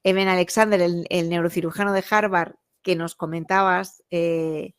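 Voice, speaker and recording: A woman's voice: fairly low pitch, level tone, normal speed, smooth. A woman hosting an interview, asking long questions with hesitations. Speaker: interview host. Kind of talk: conversational interview.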